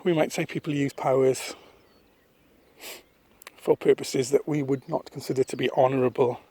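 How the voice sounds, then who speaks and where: Husky man musing on a walk. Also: mid-range voice, steady tone, warm tone. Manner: thoughtful, rambling, pausing often. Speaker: vlogger. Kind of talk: casual walking vlog monologue. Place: outdoors on a misty countryside walk. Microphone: phone held at arm's length.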